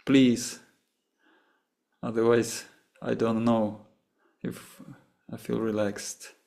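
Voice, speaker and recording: A Russian man with a Russian accent, a meditation teacher fielding questions after a session, speaks haltingly and keeps restarting while he hunts for words. His voice sits at medium pitch, delivered flatly, creaky and somewhat dark in tone.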